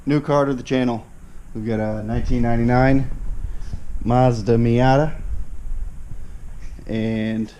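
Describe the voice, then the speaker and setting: A man's voice: mid-range voice, a little hiss or hum. A man with a stuffy, nasal voice from a cold, casually talking a vlog audience through his car in a shop, with lots of fillers. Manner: relaxed, halting, with many fillers. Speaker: car channel host.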